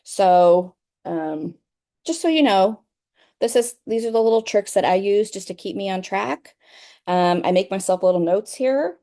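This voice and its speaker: A middle-aged woman walks through a crochet pattern, chatty and patient. She keeps checking in with "okay?" and repeats herself to be clear. Her voice is mellow and warm, at a middle pitch for a woman. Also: expressive, unhurried. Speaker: crochet instructor. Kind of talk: casual tutorial explanation.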